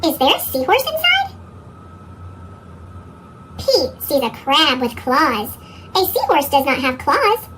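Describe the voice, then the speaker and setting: Children's storybook narrator, squeaky pitched-up chipmunk cartoon effect, very animated delivery, some background noise. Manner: slow, lively reading. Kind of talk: scripted children's story read-aloud.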